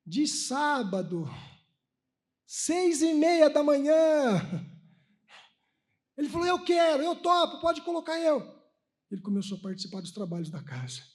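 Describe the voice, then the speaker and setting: A Brazilian man in his thirties with a very high voice gives a spiritist talk to a conference audience. He tells personal stories with energy and acts out each bit of dialogue in the voices of the people involved. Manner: animated storytelling, acting out dialogue. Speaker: spiritist lecturer. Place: lecture hall at a religious conference.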